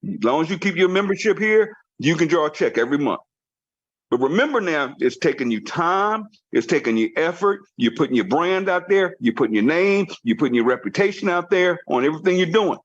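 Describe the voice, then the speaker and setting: A man with a drawl drives a motivational training call, repeating his points with emphatic, preacher-like insistence. His voice sits fairly high and swings widely. It comes through a muffled, dry call line with no room sound. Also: expressive, fairly quick, no echo. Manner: emphatic, repetitive, preacher-like urging. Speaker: network marketing team trainer. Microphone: conference call line.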